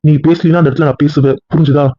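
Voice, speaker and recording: A man's voice: fairly high pitch, fairly even intonation, rapid-fire, dry recording, natural voice. A man acting as a worried husband who pleads with his wife and grows heated, in an amateur serial drama. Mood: firm. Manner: pleading, then heated and insistent. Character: worried, possessive young husband. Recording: dry, tinny phone-like recording.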